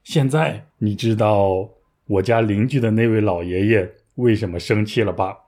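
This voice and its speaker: A young man giving a scripted language lesson, explaining patiently and clearly with playful asides. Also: lowish voice, moderate pace, darkish tone. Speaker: Chinese language teacher.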